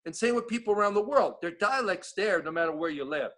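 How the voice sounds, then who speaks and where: A man's voice: high voice, expressive, fast talker, a bit bright. A man with an East Coast American accent, chatting casually as a guest and rambling through many restarts. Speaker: guest giving updates. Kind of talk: casual chat.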